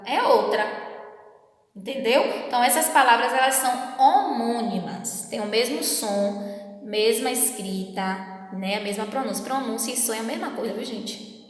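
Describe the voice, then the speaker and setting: A woman teacher explaining a grammar lesson in a patient way, often checking in with her class. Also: on the high side. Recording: echoey room with long reverb.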